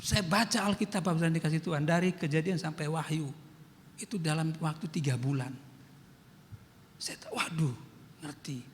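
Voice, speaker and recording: A middle-aged male pastor, telling his testimony in a sermon, swinging between loud and soft. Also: on the high side, a little fast, pauses often, a little hiss or hum. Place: church hall. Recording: church hall with long reverb.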